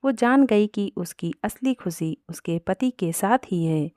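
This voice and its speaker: A woman narrating a family storybook in a steady, plain reading style. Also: medium pitch, measured pace, no echo, studio quality.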